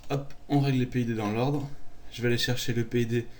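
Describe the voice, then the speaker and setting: A man narrating a screen-recorded software tutorial, calmly walking through each click step by step. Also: medium pitch, fast, a little hiss or hum. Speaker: tutorial maker.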